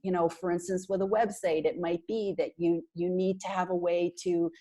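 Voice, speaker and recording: This middle-aged guest, raised in Canada, has a husky, low voice at normal speed and talks through an earphone headset on a video call. A marketing consultant, she's chatty, emphatic and animated, gesturing with her hands during a casual interview. She's in a small, bright room indoors.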